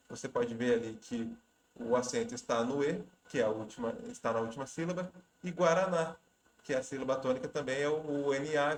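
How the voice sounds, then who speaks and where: A man explains exam questions step by step in an easygoing lesson voice. He restarts phrases as he thinks aloud. The room around him adds a clear echo. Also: medium pitch. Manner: conversational, repeats and restarts words while explaining. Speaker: exam prep teacher.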